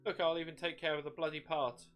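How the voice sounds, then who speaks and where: A man's voice: on the high side, level tone, quick pace, fairly bright tone, faint music behind, pitched above the performer's own voice, lightly acted. A man voicing a gleeful, bloodthirsty demon shade, mocking and wheedling in folksy slang as in a dramatic story.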